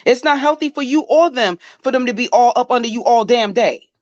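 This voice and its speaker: A woman with a slightly high, somewhat mellow voice speaks briskly, giving casual reaction commentary. She addresses her target directly, blunt, scolding and swearing, on audio with no room sound and the highs cut off.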